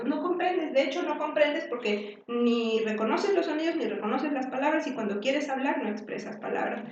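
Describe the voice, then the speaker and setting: Slow, echoey woman lecturing. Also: fairly high pitch, slight background noise. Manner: slow and deliberate, with many fillers and restarts. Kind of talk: university lecture. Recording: very echoey room, distant and dull.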